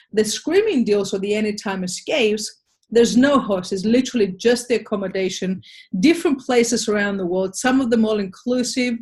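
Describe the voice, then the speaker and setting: An Australian woman with a medium-pitched voice gives an upbeat, persuasive sales presentation in a webinar, speaking to a webcam from her home office.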